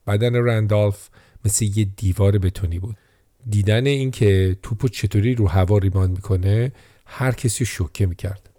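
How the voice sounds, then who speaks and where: A man reading an audiobook story in a steady storytelling manner. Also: on the low side, no room sound, studio quality. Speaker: narrator. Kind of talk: audiobook narration.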